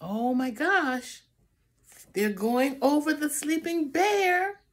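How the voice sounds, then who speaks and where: In a small room at home, an older woman reads a picture book aloud to children in a high, slow voice. She stretches out phrases theatrically and adds little asides to her young listeners.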